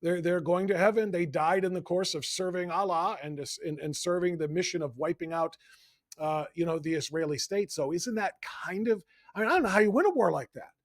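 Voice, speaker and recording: A man's voice: high voice, fairly quick, no echo, studio quality. A man hosting an interview, asking long, winding questions. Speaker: host.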